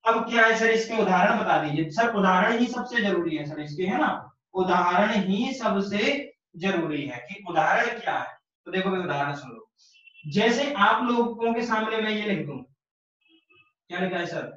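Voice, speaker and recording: High-voiced man teaching in an echoey room. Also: lively intonation, moderate pace, fairly bright tone. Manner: explains patiently, repeats key phrases, asks and answers his own questions. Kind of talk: online Hindi grammar lesson. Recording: distant, dull, very echoey room.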